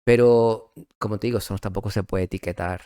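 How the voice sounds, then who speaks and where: As a guest in a casual interview, a middle-aged man with a Venezuelan accent reflects calmly on his story, using many fillers and restarts. He talks fast in a fairly low voice with a clean tone.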